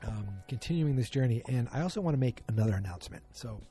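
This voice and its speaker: A man hosts a solo podcast, rambling casually and joking at his own expense. His mid-range voice is expressive and dark-toned, moving at a quick pace, with faint music in the background.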